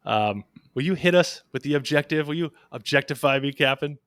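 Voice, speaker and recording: A man's voice: fairly high pitch, animated, a little fast, a bit bright, clear, resonant tone, no echo, clean studio sound. A young man co-hosting a casual podcast, telling facts in a playful, jokey, theatrical way. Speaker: podcast co-host.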